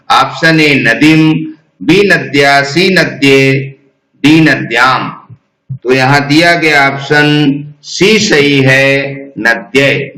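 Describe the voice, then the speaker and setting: Man, quiz teacher, slow deliberate reading, echoey room. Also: medium pitch, a bit bright. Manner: slow, deliberate recitation of options. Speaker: exam prep teacher. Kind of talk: reading quiz questions and answers.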